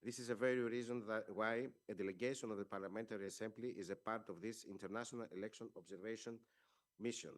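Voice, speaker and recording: A man from Greece with a Greek accent and Greek as his first language, leading a parliamentary delegation and giving a formal press conference statement in measured speech with frequent hesitations. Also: fairly low pitch, fairly even intonation.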